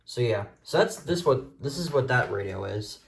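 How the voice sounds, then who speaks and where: A man with a gravelly, medium-pitched voice and lively intonation talks at normal speed over slight background noise. He is a video host casually showing his radio collection hands-on, speaking hesitantly and rambling into a handheld phone camera.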